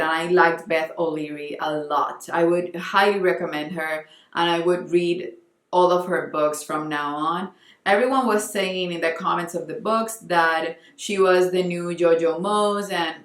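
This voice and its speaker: A woman's voice: on the low side, roomy sound. A young Colombian woman with a Spanish accent, talking earnestly in a casual book vlog and often restarting as she searches for words. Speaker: book vlogger.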